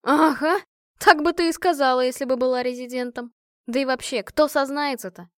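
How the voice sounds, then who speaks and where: A woman voicing a calm, ironic woman analyst who speaks in a measured, dry way. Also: sits high, dry recording, pitched above the performer's own voice, natural voice.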